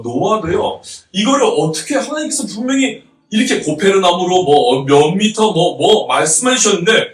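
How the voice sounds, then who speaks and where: Animated pastor in an echoey hall. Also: male voice, high-pitched. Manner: conversational, jokes and laughs with the congregation. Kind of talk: sermon. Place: church sanctuary. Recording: roomy hall from a distance.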